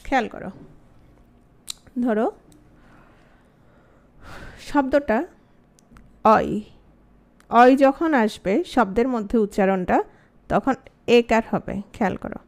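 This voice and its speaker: High-voiced Bangladeshi woman teaching a grammar class. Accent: Bangladeshi Bengali. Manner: asks many questions, repeats words slowly. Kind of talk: online class lecture.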